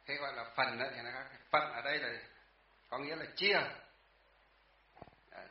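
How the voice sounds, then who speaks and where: A man's voice: medium pitch, moderate pace. Guy teaching a class, repeats stuff and quizzes them, kinda dull muffled sound. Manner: patient, repeats words, asks the class questions. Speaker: Buddhist teacher. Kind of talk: classroom lecture on Chinese characters. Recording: echoey, distant, dull room sound.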